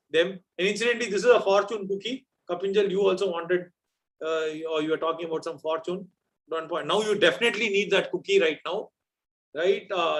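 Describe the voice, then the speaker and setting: A quiz host with a South Indian accent chats and teases while explaining things off the cuff. His voice is high, gravelly and a bit bright, and the recording quality is low.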